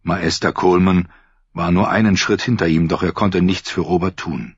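A man reading a story aloud in a steady, even narration. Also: low-pitched, normal speed, breathy edge, dry recording. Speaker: audiobook narrator. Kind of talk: scripted narration. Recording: dull lo-fi dry recording.

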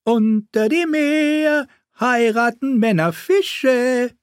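A man voicing a giddy, half-mad male jester who speaks slowly in a stuttering singsong. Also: extremely high pitch, clean tone, dry recording, studio quality, pitched above the performer's own voice, heavily acted. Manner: singsong, stuttering, slow and drawn out.

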